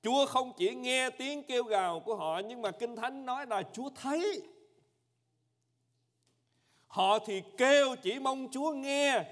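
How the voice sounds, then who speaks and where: A man preaching a sermon as pastor in a church, emphatic and swinging between loud cries and hushed low phrases. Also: unhurried, long pauses, in a large hall.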